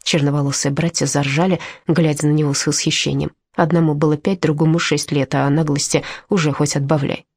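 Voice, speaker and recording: Husky low-voiced woman reading a story. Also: a little fast, few pauses, no echo. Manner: expressive storytelling. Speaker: audiobook narrator. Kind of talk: audiobook reading, first person.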